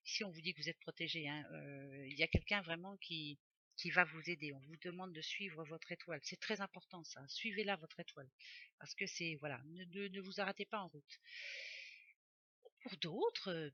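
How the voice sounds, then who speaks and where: A woman's voice: fairly low pitch, bright, forceful tone, no echo, muffled recording. A woman doing a casual oracle card reading for her viewers, chatty and rambling, often correcting herself aloud. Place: home office.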